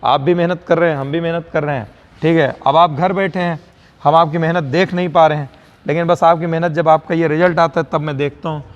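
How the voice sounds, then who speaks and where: A man's voice: on the high side, fairly even intonation, highs cut off. Man teaching physics, dictating in a reverberant room. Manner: dictates slowly word by word, motivational asides. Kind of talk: online lecture.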